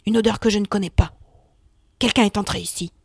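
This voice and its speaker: A woman voicing a huge, gruff male cyclops blacksmith who shouts threats in a children's audio story. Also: medium pitch, steady tone, fairly quick, no echo, clean studio sound. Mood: suspicious. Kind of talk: storybook character voice.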